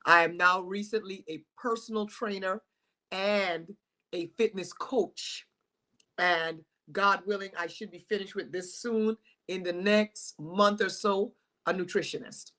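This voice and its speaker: A woman's voice: mid-range voice, fairly even intonation, a little slow, sharp tone. A woman in her forties from Guyana, a fitness coach, talking about herself in an upbeat, grateful way. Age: 40s. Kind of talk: casual interview chat.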